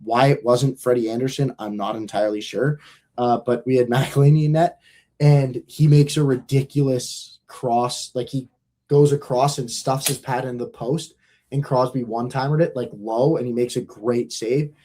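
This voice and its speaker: A man's voice: mid-range voice, steady tone, normal speed, mellow. A young man hosting a podcast, chatting casually in a rambling, slangy and profane way. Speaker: podcast host. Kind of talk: casual chat.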